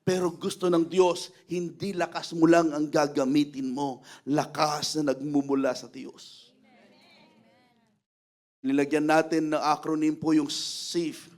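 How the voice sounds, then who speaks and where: Animated high-voiced male preacher. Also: unhurried. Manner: animated, shouting, laughing, acting out quotes. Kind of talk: lively Taglish sermon. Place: church.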